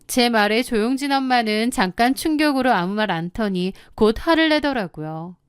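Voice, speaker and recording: A woman's voice: on the high side, animated, normal speed, smooth, no echo, clean studio sound. A woman narrating her own story in the first person, confiding and matter-of-fact.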